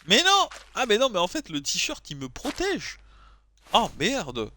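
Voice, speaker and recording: A man streaming a game, chatting casually with excitable, jokey outbursts. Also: high voice, measured pace, noisy background. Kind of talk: casual gameplay commentary.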